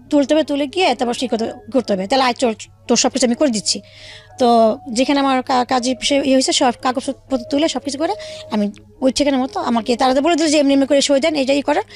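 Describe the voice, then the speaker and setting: A woman whose voice sits high and sounds a little mellow recounts her life in detail on a radio interview. She brings back past conversations by quoting them aloud as dialogue in her own voice.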